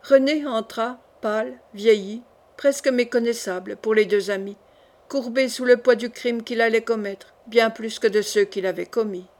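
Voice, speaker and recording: A woman reads a classic novel aloud in steady, scripted narration. Her voice is fairly high, and the storytelling is even and unhurried. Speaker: audiobook narrator.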